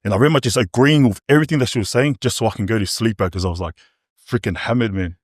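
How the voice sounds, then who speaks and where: A man tells his own story candidly and very quickly. His speech is loose and slangy, dotted with bro and man. The sound is close and dry, like a relaxed podcast chat. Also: fairly low pitch, dry recording. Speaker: podcast guest. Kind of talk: candid personal testimony in casual chat.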